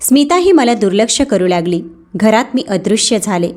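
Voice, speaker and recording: A woman narrating a first-person story in a plain, steady reading voice. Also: mid-range voice, normal speed.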